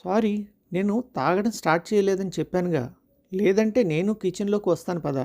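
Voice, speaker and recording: A storyteller voicing a middle-aged husband near retirement, calm and measured as he explains money matters in a story reading. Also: medium pitch, close to an everyday voice. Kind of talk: storytelling dialogue.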